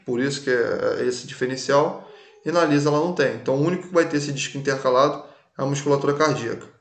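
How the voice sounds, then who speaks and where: A man teaching a recorded class in a casual way, often checking that students follow along. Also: mid-range voice. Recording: echoey room.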